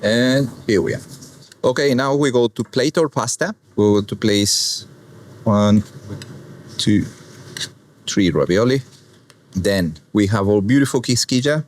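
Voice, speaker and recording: A man from Argentina with an Argentine Spanish accent, walking through a dish step by step in unhurried, plain English. His voice sits a little low, and he explains each part of the recipe in a calm, patient way. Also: a little hiss or hum. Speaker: chef. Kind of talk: cooking demonstration with commentary.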